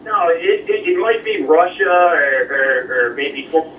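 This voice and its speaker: A man from Florida calling in to a sports talk show, talking haltingly and repeating words, heard over a phone line that keeps cutting in and out. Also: a little high, expressive, a bit bright, a little hiss or hum. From Florida, USA. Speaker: radio show caller. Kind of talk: casual call-in sports chat. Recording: muffled distant phone line.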